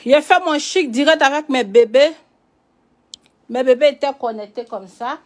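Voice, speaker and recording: A woman's voice: high-pitched, moderate pace. A woman hosting a late-night live stream, agitated and complaining as she talks to her viewers. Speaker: livestream host.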